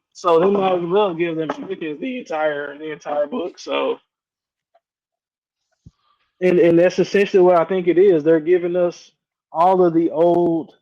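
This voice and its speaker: Male podcast co-host, slightly high, joking, dull lo-fi mic. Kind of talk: casual chat.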